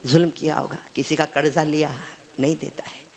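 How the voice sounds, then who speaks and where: A man's voice: a little high, level tone, gravelly, a little mellow. A man preaching a sermon, telling stories animatedly and acting out the voices, calling on the listeners to answer.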